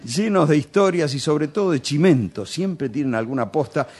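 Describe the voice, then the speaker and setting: A man's voice: fairly high pitch, expressive, normal speed, darkish tone, breathy edge. A man with a Rioplatense Spanish accent telling nostalgic, chatty stories on a radio show. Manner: nostalgic, chatty storytelling with local slang.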